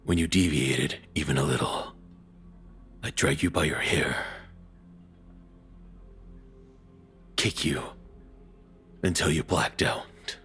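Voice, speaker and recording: In an intimate audio roleplay, a male voice actor voices a cruel, controlling ex, taunting and belittling at a slow pace. His extremely low, slightly bright voice is breathy and husky, dropping toward whispers, with faint music behind him.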